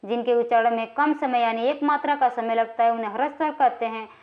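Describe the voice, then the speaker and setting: A woman's voice: a little high, fairly even intonation, quick pace. A woman teaching a grammar lesson for exam preparation. She reads out quiz questions and options, explains each answer step by step, and keeps checking in with her listeners. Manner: explanatory, frequently checks in with "ठीक है" and draws vowels out when naming sounds. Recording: slightly dull, lo-fi recording.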